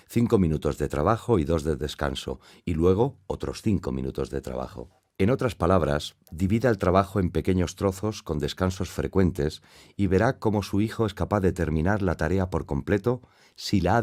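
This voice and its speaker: A man giving a scripted voice-over of a lecture for parents, speaking in a measured, teacherly way and explaining each point step by step. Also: deep voice, a little mellow.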